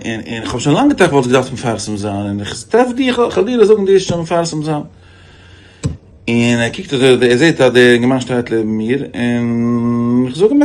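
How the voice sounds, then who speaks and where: A man, a rabbi, giving a storytelling sermon on faith, restarting phrases often and jumping his voice up for quoted people. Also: fairly high pitch. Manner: animated, many repeated restarts, voice jumps up for quoted lines.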